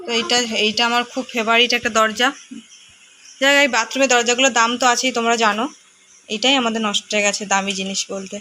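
A woman in her thirties with a Bengali accent, talking quietly and gloomily in a casual home vlog. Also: steady tone, slight background noise. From India. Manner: speaks softly and slowly, low mood. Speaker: vlogger.

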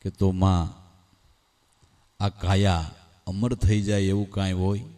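A man's voice: low-pitched, flat delivery, slow, warm tone. A man giving a devotional discourse at a night gathering, telling the story in a dramatic, rising and falling voice, singing verses in between and asking rhetorical questions. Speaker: devotional storyteller and bhajan singer. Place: night gathering, live event.

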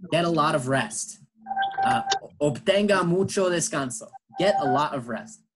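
Slow, patient bilingual English teacher man. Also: on the high side, animated, noisy background. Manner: slow, patient explaining, switching between English and Spanish. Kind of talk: bilingual classroom lesson.

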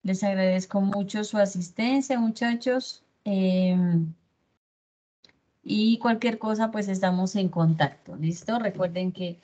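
Woman, instructor, online class lecture, middle pitch, frequent check-in questions, slightly muffled video call audio. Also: warm tone. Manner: checks in often with tag questions.

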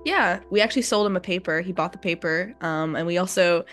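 Fast-talking woman telling a story. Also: fairly low pitch, a bit bright, faint music behind. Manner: rambling, many likes and you-knows. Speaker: party member sharing an anecdote. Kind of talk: casual podcast storytelling.

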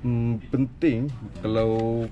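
Extremely slow and warm, this young audio specialist's mid-range voice has fairly even intonation and a Malaysian accent as he hesitantly explains technical things in a small, cluttered office. The recording is muffled, with soft music in the background.

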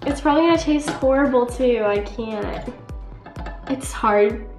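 A woman's voice: on the high side, a little slow, a little mellow. A young woman hosting a casual challenge vlog, squealing and giggling in disgust. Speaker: vlog host. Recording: echoey room with music behind.

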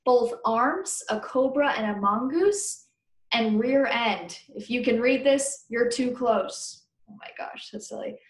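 A woman teacher reads a children's book slowly and animatedly, her voice on the high side, stopping to question and explain things to her pupils. The sound carries a roomy indoor echo.

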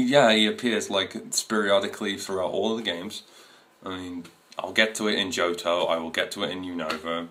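A man's voice: fairly low pitch, fairly bright tone. A man in his twenties talking casually to his camera, rambling with fillers and restarts. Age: 20s. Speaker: video host. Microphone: camera mic.

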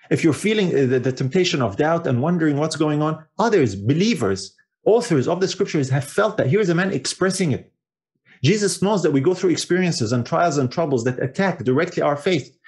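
Man, preacher, sermon, earnest, rises for emphasis, lingers on key words, restarts sentences. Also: a little high. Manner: frequent fillers and restarts.

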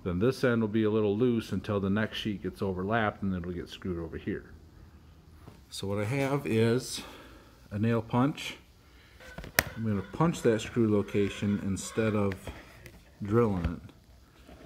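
A man's voice: on the low side, measured pace, pauses often, a little mellow, a little hiss or hum. A middle-aged man in a pole barn workshop, plainly explaining how he puts up steel siding, step by step, with small restarts. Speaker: homestead video host. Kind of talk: casual how-to narration.

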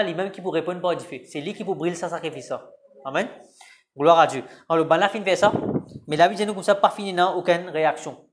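A man's voice: high-pitched, a little hiss or hum. A male pastor, preaching a sermon and often calling out praise to God and amen. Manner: preaching with repeated calls of "Gloire à Dieu" and "Amen".

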